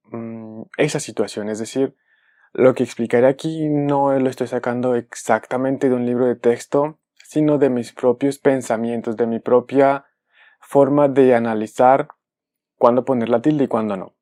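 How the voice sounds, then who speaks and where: Man calmly explaining a spelling lesson. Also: mid-range voice. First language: Spanish. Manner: measured, careful, repeats and rephrases himself. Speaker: language teacher.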